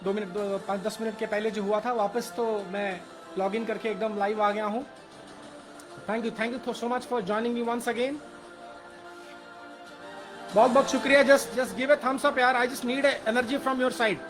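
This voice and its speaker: A man's voice: very high-pitched, little pitch movement, slow pace, music in the background. A man speaking earnestly on a live motivational stream, mixing Hindi with Indian-accented English and repeating his points. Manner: earnest, repetitive, switching between Hindi and English.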